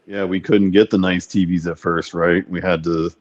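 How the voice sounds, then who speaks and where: Man co-host heard over glitchy, buzzy call audio. Deep, monotone delivery, dull and lo-fi. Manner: steady, unhurried, with frequent ums. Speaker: livestream co-host. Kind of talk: casual gaming chat.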